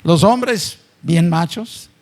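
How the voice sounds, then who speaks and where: A man preaching a sermon in a church, often asking the congregation rhetorical questions and acting out quoted voices. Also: extremely slow. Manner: acts out quoted voices with sharp pitch jumps. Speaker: pastor.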